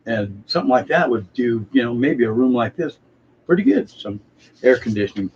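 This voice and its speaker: A man co-hosting a casual live chat about home growing. He rambles along in a folksy, unhurried conversational way. The sound is slightly dull, with faint noise behind him. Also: mid-range voice, lively intonation, a little mellow. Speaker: live stream co-host. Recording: muffled, noisy live-stream audio.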